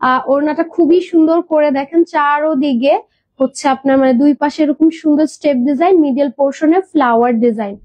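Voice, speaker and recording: A woman's voice: sits high, brisk, darkish tone, no echo, low-quality recording. A woman hosting a live clothing sales stream, chatty, mixing in English words and hesitating with fillers and repeats. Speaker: online clothing seller.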